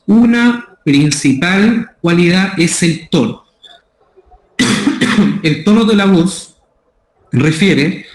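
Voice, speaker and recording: Chilean man lecturing in an echoey room. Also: high-pitched. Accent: Chilean Spanish. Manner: methodical, explanatory, repeats terms. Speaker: voice care workshop instructor. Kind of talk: lecture on voice care. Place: school room.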